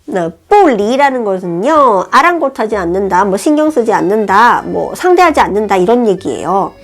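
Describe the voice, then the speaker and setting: A woman teaching Chinese, explaining a novel passage in a friendly, animated way. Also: mid-range voice, normal speed. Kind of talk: language lesson, reading a novel aloud and explaining. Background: soft background music.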